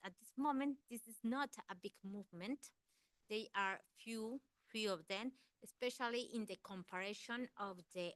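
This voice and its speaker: An environmental campaigner from Ecuador gives a seminar talk as a guest speaker, speaking English with an Ecuadorian Spanish accent. Her medium-pitched voice is a bit bright and clean, with no echo, and she answers questions earnestly while searching for words.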